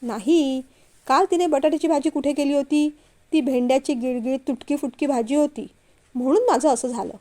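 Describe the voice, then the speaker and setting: A woman's voice: high-pitched, fairly quick, warm tone, lightly acted. A woman voicing a sulky, childish young man who pleads and whines to his father in a storybook reading. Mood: pleading. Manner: pleading, whiny.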